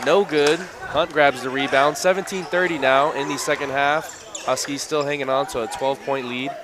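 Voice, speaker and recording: A man calling live college basketball play-by-play in brisk, clipped phrases that rise on big plays. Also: a little high, steady tone. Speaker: play-by-play announcer. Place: college gym. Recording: loud crowd and gym noise.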